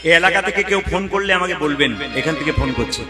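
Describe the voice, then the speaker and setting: A high-voiced man with a Bengali accent leads a live devotional kirtan at a village gathering. He talks in a chatty, teasing way, then breaks into loud chanted calls for the crowd. Harmonium and tabla play steadily behind him through the PA. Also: very fast. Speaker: kirtan singer leading a village audience. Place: outdoor village gathering with an audience. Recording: live music over a PA.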